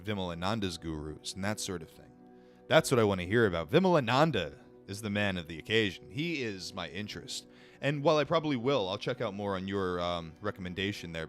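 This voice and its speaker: A young man with a fairly low voice reads a book aloud on a livestream, occasionally stumbling over words. He breaks off now and then to answer chat, casually, bluntly, and with swearing.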